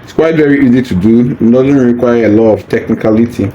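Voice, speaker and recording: Here a medium-pitched man talks fairly quickly while guiding an unboxing tutorial step by step, patient and reassuring in a casual way and repeating each step. He's a product demonstrator, and the recording sounds dull with faint background noise underneath.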